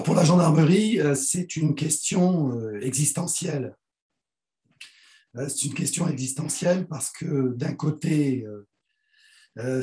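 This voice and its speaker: A man with a hoarse, croaky voice gives an academic talk as a professor, hesitantly, often clearing his throat. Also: mid-range voice, dark tone. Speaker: university professor and guest speaker. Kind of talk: academic talk, thinking aloud. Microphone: video call.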